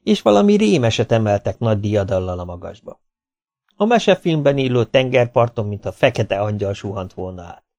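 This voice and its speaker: A man reading a first-person humorous memoir as an audiobook, lively and expressive. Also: lowish voice. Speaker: audiobook reader. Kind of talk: scripted first-person narration.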